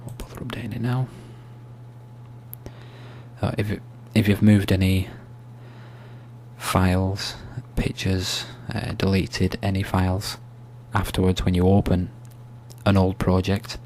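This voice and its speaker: A soft-spoken man giving an ASMR-style screen tutorial, explaining steps in a hushed, unhurried, informal way. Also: low voice, level tone. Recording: faint hum and background noise.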